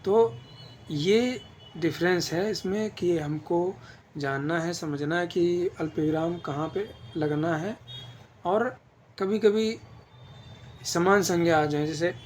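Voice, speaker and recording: A man with a fairly high voice teaches an exam-prep grammar lesson. He explains patiently and keeps checking in with his listeners. Faint background noise sits under the recording. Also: slow, a little mellow.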